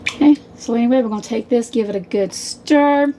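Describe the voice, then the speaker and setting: A woman's voice: fairly high pitch, a little fast, dark tone, slight background noise. Chatty woman cooking at home. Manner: rambling, chatty, addresses viewers as y'all. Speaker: home cook, channel host. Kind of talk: casual cooking demonstration. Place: home kitchen.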